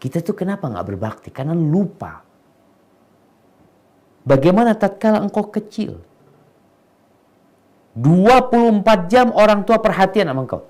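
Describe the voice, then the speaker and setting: A middle-aged man preaching a sermon, dropping to quiet low asides and rising to emphatic, slangy appeals. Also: big pitch swings, normal speed, pauses often.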